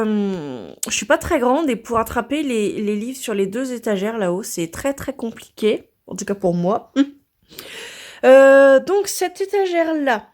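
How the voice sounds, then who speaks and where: A woman's voice: a little high, a little mellow. A French woman in a casual vlog, showing her home craft room and hesitating often between thoughts. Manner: hesitant, lots of filler sounds. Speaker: vlogger.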